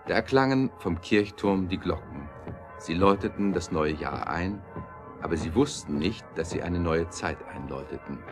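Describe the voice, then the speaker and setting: Over music, a male narrator with a deep, low voice tells a scripted story in an animated way. His delivery is measured and literary, with clear emphasis on important words.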